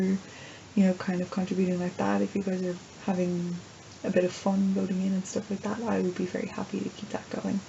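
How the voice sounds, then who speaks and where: Low-pitched Irish woman, mellow voice. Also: creaky. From Ireland. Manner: rambling, self-deprecating, playful. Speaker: vlogger and writer. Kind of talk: casual chatty video diary. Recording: dull lo-fi sound, faint background noise.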